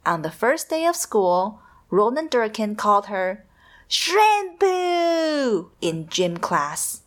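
A woman reads a picture book aloud at an unhurried pace. Her voice rises and falls freely, and her manner is gentle and expressive, as if for young listeners. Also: medium pitch. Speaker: storyteller.

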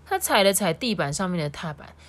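A mother reading a picture book aloud to her child, lively and playful with chatty asides. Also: lowish voice, fairly quick.

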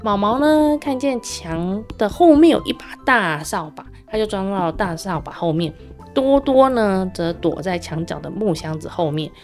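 A woman narrates a children's bedtime-style story, gentle and animated, turning now and then to ask her young listeners questions. Her voice sits at an ordinary pitch, with a faint musical bed behind it. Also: normal speed, soft background music.

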